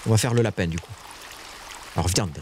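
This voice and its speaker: A man streaming a survival game, talking to his chat in casual live commentary and shrieking high when startled. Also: a little fast, a little mellow, a little hiss or hum.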